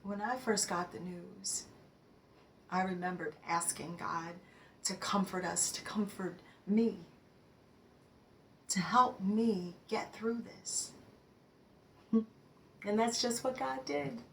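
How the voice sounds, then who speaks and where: A woman playing a devout older mother who slowly and reflectively recalls a loss, sometimes dropping to a soft whisper. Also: medium pitch, vocal fry, a little hiss or hum. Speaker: actor reading a monologue. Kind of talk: dramatic monologue read-through.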